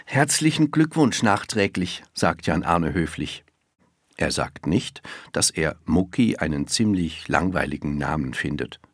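A narrator reading a children's story aloud in a calm, expressive way. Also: extremely low pitch, unhurried, slightly rough, no room sound, studio quality.

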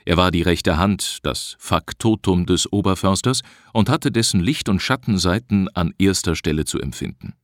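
A man narrating an audiobook in a measured, deliberate reading style. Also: low-pitched, dry recording, studio quality. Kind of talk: scripted narration.

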